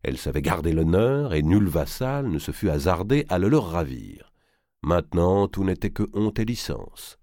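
A man narrating a historical novel aloud in an expressive, theatrical reading. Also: deep voice, normal speed, dry recording, studio quality. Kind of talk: dramatic audiobook reading.

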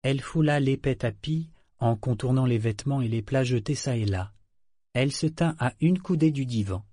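Measured male audiobook narrator, dry. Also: medium pitch, mellow, husky, dry recording. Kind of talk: scripted narration.

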